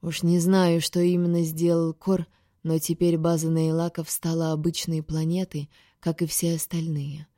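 Reading a first-person science-fiction audiobook, a woman keeps a steady, expressive delivery at normal speed. Her low, mellow voice is recorded close and dry, with no echo or room sound.

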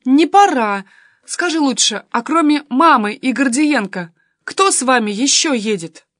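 A woman's voice: high voice, lively intonation, fairly bright tone, no room sound, studio quality, pitched above the performer's own voice, exaggerated voice. A woman reading a story, voicing a cheeky, mocking teenage daughter. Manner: quick, teasing, pert.

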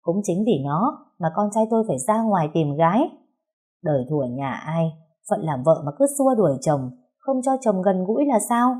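A woman voicing a sharp-tongued older mother who scornfully defends her son. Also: on the low side, animated, brisk, husky. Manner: scornful, quarrelsome.

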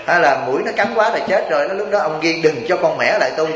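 A man's voice: a little high, lively intonation, fast talker, a bit bright, echoey room, in a large hall, low-quality recording. A Buddhist monk from Vietnam gives a chatty, joking sermon, teasing his listeners and asking them rhetorical questions.

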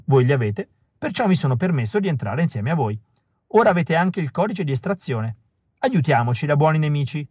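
A man's voice: a little high, sing-song, brisk, a little mellow, breathy edge, no echo. A man voicing a sly, treacherous male villain with a sneering, theatrical manner. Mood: sly mocking. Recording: dry close recording.

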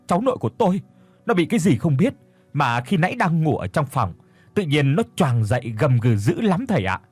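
A man's voice: fairly high pitch, breathy edge, no room sound. A man voicing a panicked old grandmother who pleads in a breathless rush.

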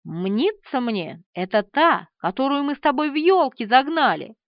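Ivan, a woman doing a slow, dazed young man. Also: high-pitched, expressive, dry recording. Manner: slow, dull, drawling. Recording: dry, slightly dull studio recording.

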